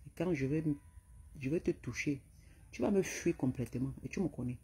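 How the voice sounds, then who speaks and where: Middle-aged woman, Cameroonian French accent, raspy and fried voice, furious scolding vlog rant. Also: deep voice, normal speed, dark tone. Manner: heated, scolding, insulting tirade. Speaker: vlogger.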